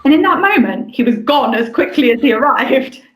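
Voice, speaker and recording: A woman, co-hosting a podcast and telling a lively anecdote in casual chat. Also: sits high, moderate pace, echoey room, a little hiss or hum, rough recording. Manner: lively anecdotal storytelling with laughs. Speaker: podcast co-host.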